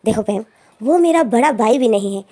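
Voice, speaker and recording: A woman's voice: on the high side, expressive, moderate pace, warm tone. A woman voicing a moody young student. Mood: irritated. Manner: curt, irritated replies. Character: young man, a moody, short-tempered student.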